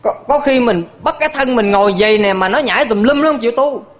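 A man's voice: very high voice, quick pace. A man, a Buddhist monk, preaching to a hall of followers in a playful way, laughing often and quizzing the audience. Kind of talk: sermon.

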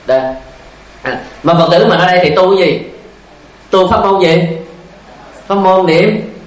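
A man's voice: high-pitched, measured pace, echoey room, low-quality recording. A male Buddhist monk giving a dharma talk, asking rhetorical questions and telling stories. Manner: repetitive, asks rhetorical questions, tells stories. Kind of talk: sermon with anecdotes.

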